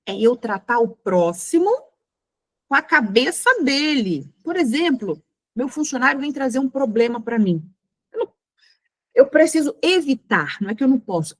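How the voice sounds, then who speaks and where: Middle-aged Brazilian woman, earnest mentor, high-ish voice, dry close recording, plays out quotes. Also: dry recording. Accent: Brazilian Portuguese. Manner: earnest, acts out little scenes with quoted voices. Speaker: mentor speaking to a women's community. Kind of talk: motivational talk.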